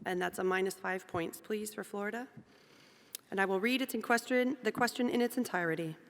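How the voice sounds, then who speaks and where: A woman's voice: medium pitch, brisk, fairly bright tone. A woman moderating a quiz competition, reading questions aloud and joking between them, in a large event hall. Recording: long hall reverb.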